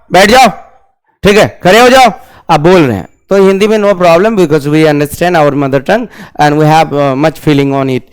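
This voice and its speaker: Male teacher; smooth, resonant voice, asks and answers his own questions. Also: high-pitched. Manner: repeats key words, asks questions then answers them. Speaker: English grammar teacher. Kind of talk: classroom grammar lesson.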